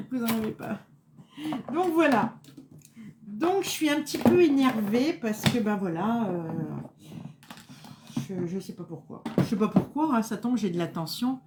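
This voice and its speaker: A woman talks viewers through a recipe in a loose, rambling way, full of fillers and asides. She sounds tired and a little on edge from a bad night. Her voice sits fairly high, with a faint hiss of room noise behind her. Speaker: home cook presenting a recipe. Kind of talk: casual live cooking chat, answering viewers.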